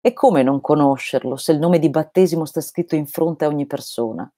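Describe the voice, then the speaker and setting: A woman's voice: low-pitched, brisk, warm tone, no echo, studio quality, natural voice. A woman reading aloud the lines of an eccentric, vehement male holy fool, in an emphatic read-aloud delivery. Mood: preaching.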